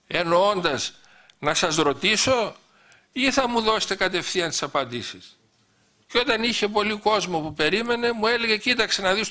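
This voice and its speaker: High bright-voiced man telling stories. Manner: anecdotal, quotes dialogue with many "he says" asides. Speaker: guest speaker recounting memories. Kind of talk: storytelling talk.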